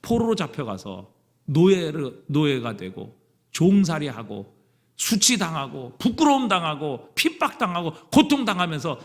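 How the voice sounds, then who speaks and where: A male pastor preaching at a night service in a church sanctuary, his voice sitting a little high. His pitch swings widely as he puts question after question to the congregation. He shifts his voice to act out the people he quotes. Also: big pitch swings, unhurried. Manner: acts out quoted speakers in changed voices. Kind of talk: sermon.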